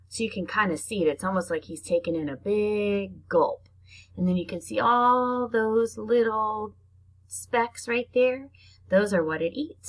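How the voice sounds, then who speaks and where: A woman elementary teacher reads aloud to young children, reading sentences carefully and offering chatty, simple explanations in between. Her medium-pitched voice is a bit bright, and the recording is rough.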